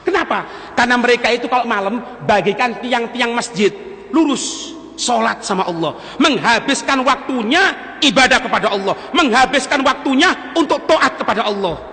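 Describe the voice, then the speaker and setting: A man preaching a Ramadan sermon in a mosque, swinging between loud stressed phrases and low, joking asides. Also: lively intonation, normal speed. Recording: long hall reverb in a mosque.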